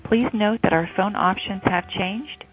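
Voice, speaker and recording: A woman's voice heard as a recorded phone message, giving a calm, formal automated greeting. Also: mid-range voice, a little slow. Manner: calm, even, formal prompt delivery. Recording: tinny phone line with crowd noise.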